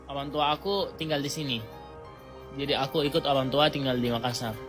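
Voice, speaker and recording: A man's voice: medium pitch, brisk. Young man chatting casually over music. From Indonesia. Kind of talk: casual chat. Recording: music playing behind.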